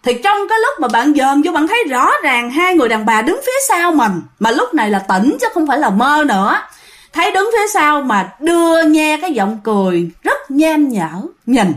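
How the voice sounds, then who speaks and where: A woman narrating ghost stories in a casual, animated way, talking straight to her listeners. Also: high voice, moderate pace. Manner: animated, addresses listeners as "các bạn". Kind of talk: casual spoken storytelling.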